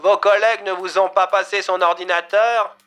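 A man's voice: sits high, steady tone, normal speed, a bit bright, clean tone, soft background music, pitched above the performer's own voice. A man voicing an adult woman from a university who answers a police call curtly and reproachfully.

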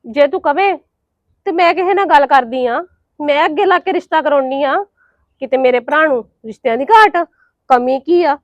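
An actress plays a scheming, needling woman in a family drama, speaking. Her voice sits high, and the recording is close and dry. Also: normal speed, dry recording, muffled recording, close to an everyday voice. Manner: pointed, needling. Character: scheming woman pushing her brother's marriage. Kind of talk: Punjabi family drama acting.

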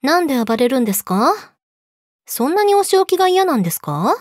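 A young woman playing a yandere girlfriend in a role-play audio drama, politely sweet, possessive and menacing, slipping into breathy whispers, close to the mic. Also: high voice, very animated, a little fast, no room sound. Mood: scolding, threatening. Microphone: close studio mic, dry.

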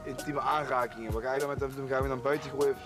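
A man's voice: medium pitch, steady tone, very fast, over music. A man chatting casually and asking teasing, curious questions. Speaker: reality show contestant. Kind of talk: casual chat.

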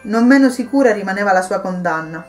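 Calm woman reading a Christmas story. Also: mid-range voice, fast. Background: soft background music.

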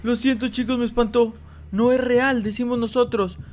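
A man's voice: very high voice, flat delivery, normal speed. A man commenting on a horror game he plays, reading its lines aloud in translation, talking to his viewers and yelping and repeating words when he is scared. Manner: addresses viewers as "chicos". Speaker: gaming YouTuber. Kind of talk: Let's Play commentary translating game dialogue.

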